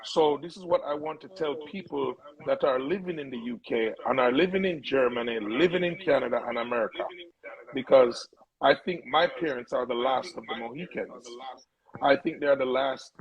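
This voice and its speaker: A middle-aged man from Brooklyn, New York, with a Jamaican accent speaks at normal speed in a medium-pitched voice, with the highs cut off in the audio. As an interview guest and musical elder, he gives conversational advice in an emphatic, preachy way.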